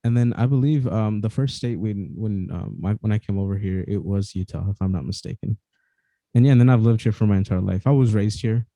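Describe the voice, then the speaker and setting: A man from Mexico, talking casually on a podcast in a relaxed, hesitant way with many restarts. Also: on the low side, a little fast, no room sound.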